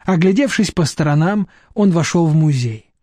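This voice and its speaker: Dark-voiced male audiobook narrator. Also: fairly high pitch, animated, normal speed, dry recording, studio quality. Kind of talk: scripted narration.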